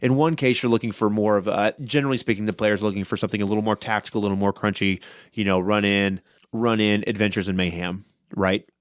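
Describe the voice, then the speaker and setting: Loud fast-talking man, low voice. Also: steady tone, smooth, dry recording, studio quality. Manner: fast-talking, loud, with many "right?" tags. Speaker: podcast co-host and game master. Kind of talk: casual podcast chat.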